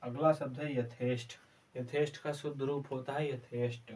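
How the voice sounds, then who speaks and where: A man teaching an exam-prep Hindi class, slowly repeating each word several times in a spelling drill. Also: mid-range voice, flat delivery, a little mellow. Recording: distant mic with faint background noise.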